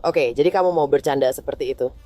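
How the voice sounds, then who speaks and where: A woman's voice: a bass voice, fast talker, mellow, soft background music. A drunk woman arguing with and taunting police during a heated confrontation. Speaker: detained driver, intensive care nurse.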